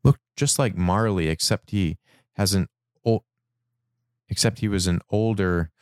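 Deep, smooth-voiced man reading a journal. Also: measured pace, no room sound, studio quality. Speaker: narrator. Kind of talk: reading a personal dream journal aloud.

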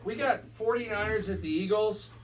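A man's voice: high-pitched, normal speed, distant mic. An American man in casual sports banter, insistent and slangy, often repeating himself for emphasis. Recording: noisy, off-mic room sound.

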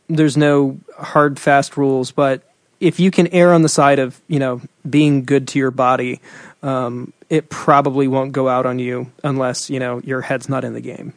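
A man's voice: medium pitch, steady tone, a little slow, no echo. Chatty man with a dry close sound. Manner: chatty, rambling with many fillers and restarts. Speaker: singer and podcast co-host. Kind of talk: casual chat explaining vocal technique.

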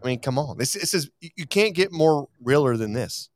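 Podcast guy, voice a bit high, dry sound, keeps agreeing and repeating stuff. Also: expressive, brisk, no room sound. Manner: affirming interjections, emphatic repetition. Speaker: podcast co-host. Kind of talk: casual podcast chat.

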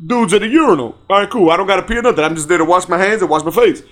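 A high-pitched man chats on a podcast in a casual, streetwise way. He tells stories in heavy slang and keeps coming back to the same tags. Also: very fast, fairly bright tone. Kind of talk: casual chat, storytelling.

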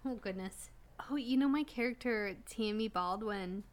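Giggly Wisconsin-accented woman player, casual and profane, mid pitch. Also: normal speed. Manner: giggly, swears freely. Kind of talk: casual tabletop play.

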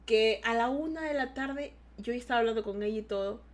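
A young woman hosting a podcast, telling a story in casual chat with a dramatic, animated delivery, acting out what others said and swearing, then censoring herself. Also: on the high side, fairly quick. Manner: animated, dramatic, acts out quoted voices. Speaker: podcast host.

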